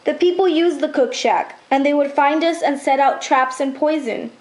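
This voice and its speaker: A woman's voice: high-pitched, moderate pace, darkish tone, close to an everyday voice. A woman voicing a worried mother mouse who pleads and frets in a storybook. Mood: tearful. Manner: pleading, tearful.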